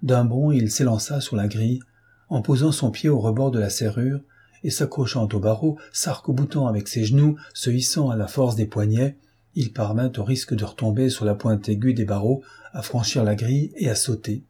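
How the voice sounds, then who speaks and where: A man narrating a novel in a measured, expressive storytelling manner. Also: medium pitch, husky. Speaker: audiobook narrator.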